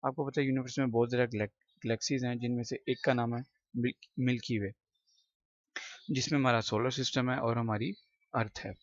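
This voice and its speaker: Guy teaching a class lesson, explains slowly, keeps repeating himself, dull dry recording. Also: mid-range voice, fairly even intonation, no room sound. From Pakistan. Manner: explains patiently, repeats words and fillers. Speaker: English teacher.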